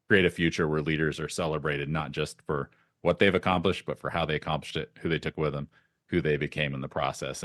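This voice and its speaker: A man being interviewed as a podcast guest, telling lively anecdotes and laughing often. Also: very deep voice, no room sound, studio quality. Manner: animated anecdotes with frequent laughs. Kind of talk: casual interview storytelling.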